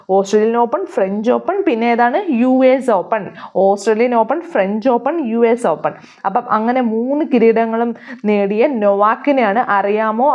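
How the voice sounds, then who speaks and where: A woman's voice: a little high, lo-fi sound. A woman teaching an exam-prep lesson, asking questions and answering them herself while repeating key names. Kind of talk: casual explanatory lesson.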